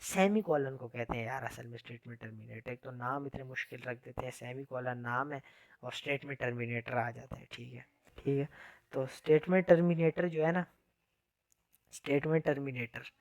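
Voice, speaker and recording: A man's voice: medium pitch, moderate pace, gravelly, a little mellow, dry recording. A man giving a casual, chatty programming lesson in an informal, friendly way. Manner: chatty, informal, says "yaar" often. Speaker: programming teacher. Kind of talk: casual classroom lecture.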